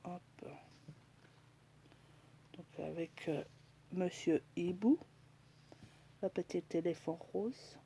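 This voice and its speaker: Soft-spoken woman showing craft papers. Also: on the low side, extremely slow, creaky, pauses often, slight background noise. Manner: chatty, hesitant, with many fillers. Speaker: crafting vlogger. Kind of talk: casual haul video.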